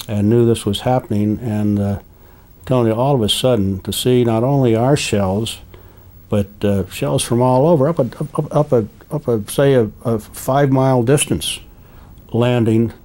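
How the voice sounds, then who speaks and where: An elderly American man, a war veteran remembering his service in an interview, speaking in a halting, deliberate way with repeated words. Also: mid-range voice, dark tone. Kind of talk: recollecting war experiences in an interview.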